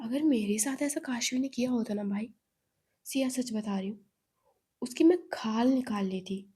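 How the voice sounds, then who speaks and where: A woman's voice: fairly high pitch, moderate pace, mellow, slightly rough. A woman voicing a bold, blunt young woman friend who teases and scolds in a storytelling role voice. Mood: fierce. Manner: teasing, blunt, indignant.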